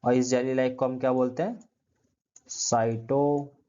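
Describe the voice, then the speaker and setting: Male teacher, mid-pitched, asks and answers his own questions, slightly muffled lo-fi recording. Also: steady tone, normal speed, dark tone. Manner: repeats key terms, uses everyday comparisons. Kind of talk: classroom lecture. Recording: dull lo-fi sound.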